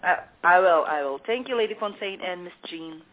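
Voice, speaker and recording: A woman speaking as a radio show caller over a tinny phone line, halting, with slightly non-native grammar. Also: on the low side, lively intonation.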